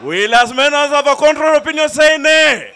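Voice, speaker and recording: A man loudly calling a voice vote at an outdoor rally on a handheld microphone. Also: very high-pitched, lively intonation, fairly quick. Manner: loud, declamatory. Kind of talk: formal call for a voice vote.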